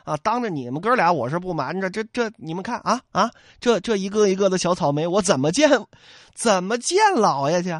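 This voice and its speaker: A man's voice: high-pitched, animated, a little fast, no echo, studio quality. A man voicing a flustered, henpecked fellow who stammers and pleads.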